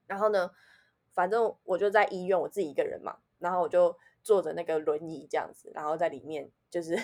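A woman with a Taiwanese Mandarin accent telling a personal story in casual chat, animated, swinging between loud outbursts and low muttering. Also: fast talker. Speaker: podcast co-host.

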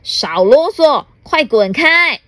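A woman voicing a rude, arrogant rich man in a storybook reading, shouting and scolding. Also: high voice, sing-song, slow, no echo, voice pushed up, full character voice. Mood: angry.

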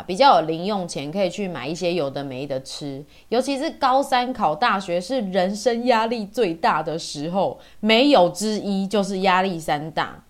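A woman in her forties from Taiwan with a Taiwanese Mandarin accent, telling personal stories as a podcast host in a chatty, colloquial way. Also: medium pitch. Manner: chatty, colloquial, with sentence-final particles. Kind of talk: casual personal storytelling.

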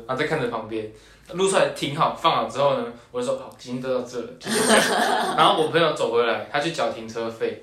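A young man talks fast on a casual podcast. His voice sits at a medium pitch, and he tosses out joking asides and stories. The room gives his voice a noticeable echo. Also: fairly bright tone. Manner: quick, joking banter. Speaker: podcast co-host. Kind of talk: casual chat storytelling. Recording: roomy echo.

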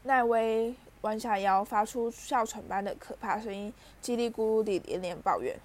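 A woman reading a storybook aloud as narrator, lively and voicing the characters. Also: fairly high pitch, moderate pace. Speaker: audiobook reader.

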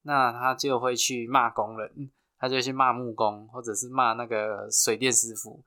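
A man with a Taiwanese Mandarin accent hosting a podcast, telling stories in a chatty, halting way full of restarts. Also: medium pitch, flat delivery, bright, forceful tone, smooth. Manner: chatty, halting with frequent restarts and fillers, laughs at his own stories. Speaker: podcast host. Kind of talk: casual storytelling.

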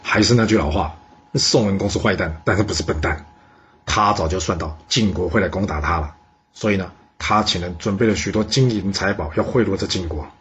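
Male storyteller, chatty history narration, low and very husky. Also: fairly quick, a bit bright, muffled recording. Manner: chatty, asks rhetorical questions.

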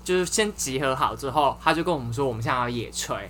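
Woman in her 20s, low voice, bright edge, swears now and then telling stories. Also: fast talker, a little hiss or hum. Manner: animated storytelling, swears for emphasis. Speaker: podcast host. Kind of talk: casual chat.

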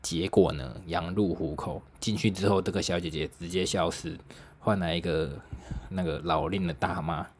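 A young man with a Taiwanese accent and a low, deep voice hosts a solo podcast. He rambles through stories in a chatty, self-mocking way, with easy laughs and mild swearing. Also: steady tone, normal speed, hardly any pauses, husky. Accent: Taiwanese Mandarin. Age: young adult. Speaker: podcast host. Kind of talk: casual solo storytelling.

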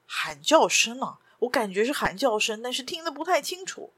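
A woman's voice: on the high side, big pitch swings, moderate pace, a bit bright, breathy edge, dry recording, voice pushed up, exaggerated voice. A woman voicing an agitated male army captain who talks urgently and stammers. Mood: flustered.

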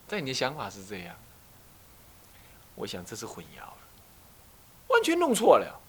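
A man with a Taiwanese Mandarin accent, a Buddhist abbot giving a dharma talk, animated and full of rhetorical questions to his listeners. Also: medium pitch, moderate pace, a little hiss or hum. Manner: slips into acted voices of family members.

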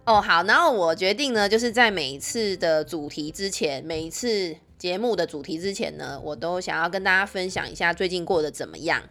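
A woman's voice: on the low side, fairly quick, few pauses, a bit bright. A woman in her thirties hosting a podcast, chatting casually with lots of filler words. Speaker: podcast host.

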